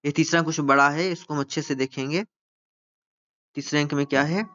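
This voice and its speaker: A man's voice: on the high side, fairly even intonation, moderate pace, a bit bright, highs cut off. A male Hindi teacher explaining a play, often asking his own questions and answering them. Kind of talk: literature lesson explaining a play.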